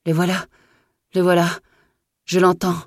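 A woman's voice: low voice, a little slow, dark tone, no echo, clean studio sound. A woman voicing a terrified old gamekeeper. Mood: panicked. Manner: stammering, panicked.

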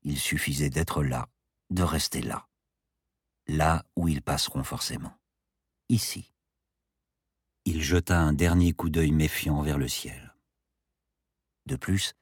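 A man narrating an audiobook in an expressive, suspenseful way. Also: rumbling low, unhurried, pauses often, husky, dry recording, clean studio sound.

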